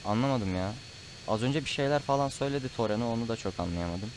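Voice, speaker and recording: A man's voice: medium pitch, quick pace, noisy background. A man doing casual gameplay commentary, chatting to viewers and often getting frustrated. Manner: chatty, frustrated outbursts, calls the audience "abi". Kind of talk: casual Let's Play commentary.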